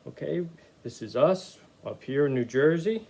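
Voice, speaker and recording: Gravelly man teaching a kids' art lesson. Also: a little high, lively intonation, mellow. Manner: chatty, unhurried, many "uh" fillers. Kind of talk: recorded video art lesson for kids.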